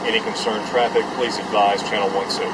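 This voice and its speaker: A man skippering a sailboat, making a marine VHF radio call in clipped, formal radio procedure, spoken loudly. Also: lowish voice, level tone, fairly quick. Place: aboard a sailboat on open water. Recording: loud engine noise behind the voice.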